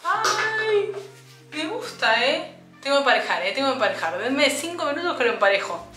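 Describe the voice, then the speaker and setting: Young woman, Argentine accent, a little hoarse, higher voice, self-mocking chatter, echoey bathroom. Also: sing-song, fast, sharp tone, faint music behind. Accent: Argentine Spanish. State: slightly hoarse from a cough. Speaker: beauty vlogger. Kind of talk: casual vlog chat. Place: home bathroom.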